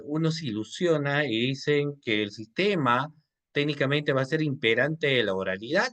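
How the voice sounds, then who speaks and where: A law instructor with a medium-pitched, fairly bright voice teaches an online legal writing class. He quizzes his listeners, repeats his questions, and calls them doctors.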